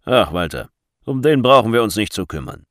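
A man voicing a calm, steady grown father in a storybook reading, speaking firmly. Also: fairly low pitch, fairly quick, no room sound, studio quality. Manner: firm, calm, near his own voice.

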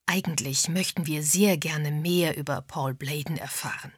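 A woman reading an audiobook, voicing a brisk, pushy middle-aged sleuth who speaks bluntly. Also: low-pitched, husky, dry recording, studio quality.

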